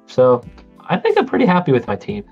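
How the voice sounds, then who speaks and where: A man co-hosting a casual podcast, talking in a relaxed way with many ums and easy laughs. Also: mid-range voice, brisk, creaky, highs cut off, faint music behind. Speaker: podcast co-host. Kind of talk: casual chat.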